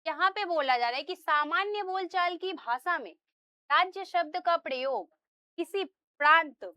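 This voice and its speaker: A woman's voice: very high voice, lively intonation, unhurried, sharp tone, dry recording. A woman teacher giving a classroom lecture, explaining step by step, asking the students questions and often checking in with them. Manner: asks students questions and answers them herself.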